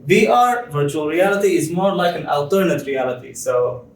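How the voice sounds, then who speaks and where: A young man from Tunisia giving a conference presentation, explaining step by step with frequent pauses and fillers. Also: fairly high pitch, lively intonation. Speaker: PhD student presenter. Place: conference room. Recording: echoey room, far from mic.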